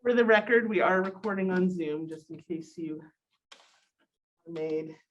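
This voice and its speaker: A woman's voice: fairly low pitch, unhurried, muffled recording. A middle-aged woman giving an informal academic presentation through a cloth face mask, conversational with wry asides, in a small conference room. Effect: speaking through a cloth face mask. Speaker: presenter, sociology professor.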